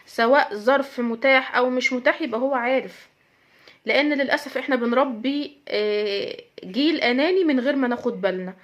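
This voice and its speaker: A fast-talking woman with an Egyptian accent gives direct advice to women, earnest and emphatic. She drives her points home by repeating them, and her voice sits a little high. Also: fairly bright tone. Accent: Egyptian Arabic. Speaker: host giving advice to women. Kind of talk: direct-address advice talk.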